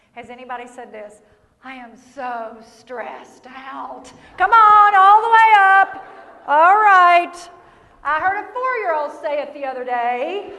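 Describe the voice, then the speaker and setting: A woman giving a lively, punchy motivational keynote to a live audience, calling for responses. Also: extremely high pitch. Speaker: motivational speaker. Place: large hall before an audience. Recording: long reverb of a large hall.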